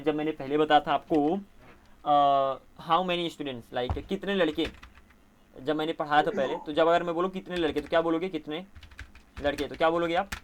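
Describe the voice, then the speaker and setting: Indian man teaching English, higher voice. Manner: explains patiently, often asks "theek hai na?"; mixes Hindi and English. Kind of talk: spoken English lesson.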